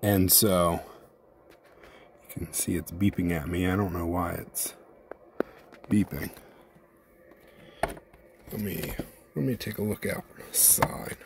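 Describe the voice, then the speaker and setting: A man casually narrating his robot mower test as a home video creator, thinking out loud and explaining what he sees on screen. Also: deep voice, slow pace, creaky, long pauses, slight background noise. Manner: thinking aloud, conversational, explanatory. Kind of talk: casual tech vlog narration. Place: indoors, at home near a computer, at times outside.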